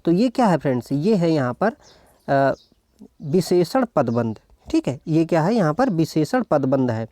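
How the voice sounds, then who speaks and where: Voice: mid-range voice, big pitch swings, normal speed, mellow, no room sound. An exam-prep tutor giving an online lesson, patiently talking through each practice question, posing questions and then answering them. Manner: patient, talks through each answer and asks itself questions, keeps checking in with "ok".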